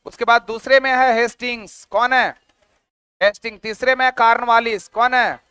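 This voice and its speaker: A man's voice: extremely high pitch, fairly even intonation, moderate pace, sharp tone, clear, resonant tone, dry recording. A male teacher giving an exam-prep history lecture, asking questions and repeating the answers.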